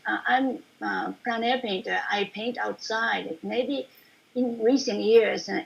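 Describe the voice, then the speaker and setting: A woman from Japan talks through her painting life in a relaxed, chatty way, scattering fillers and small laughs. Her voice is husky with a gravelly edge, and the video-call audio sounds a little dull. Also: medium pitch. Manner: warm, chatty, frequent fillers and soft laughs. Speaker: watercolour painter presenting her work. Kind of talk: casual online presentation.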